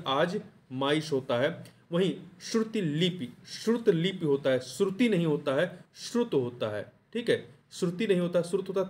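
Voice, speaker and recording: A man with a somewhat higher voice takes the listener through exam answers one by one. He spells the words out, says the correct form again and again, and puts short questions to the listener before answering them. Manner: explains word by word, repeats key words and correct spellings. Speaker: teacher. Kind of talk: exam answer walkthrough lesson.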